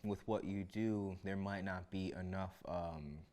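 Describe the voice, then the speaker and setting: Easygoing male interview host from Harlem, lowish voice, casual and chatty. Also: steady tone, measured pace, darkish tone. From New York City (Harlem). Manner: easygoing, many "you know" fillers. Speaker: podcast host.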